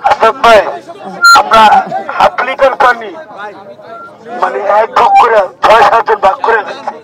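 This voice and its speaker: A man's voice: high voice, fairly even intonation, normal speed. A man who was injured in the protests confronts an official outdoors and keeps demanding an answer. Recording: loud crowd noise. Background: dense crowd.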